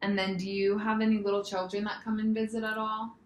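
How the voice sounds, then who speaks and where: A young woman playing a nurse who asks intake questions from a checklist, with brief, encouraging replies between them. Her voice is of middle pitch. The room sounds echoey, with faint noise in the background. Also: flat delivery, brisk. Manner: checklist questions, repeats "very nice". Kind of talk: mock patient intake interview.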